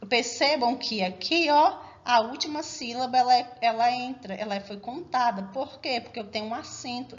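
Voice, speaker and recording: A woman's voice: sits high, dull audio, a little hiss or hum. A woman teacher giving a recorded class, explaining step by step and regularly checking that her students are following. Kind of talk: recorded remote class lesson.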